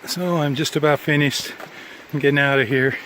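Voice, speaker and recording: A man's voice: on the high side, steady tone, normal speed, pushed and bright. Tired male hiker, outdoor handheld vlog, rambling and plain-spoken, faint background hiss. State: tired after a long hike. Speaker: hiker filming a trail vlog. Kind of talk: casual spoken trail diary. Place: outdoors on a mountain trail.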